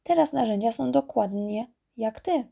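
A woman's voice: a little high, animated, normal speed, creaky, mellow, breathy edge, full character voice. A woman voicing a clever male tow truck in a children's storybook, teasing and matter-of-fact.

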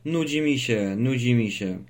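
A man's voice: mid-range voice, lively intonation, moderate pace, a little mellow, close to an everyday voice. A man voicing a bored, whiny five-year-old boy in a storybook reading. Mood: whining. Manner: whining, insistent.

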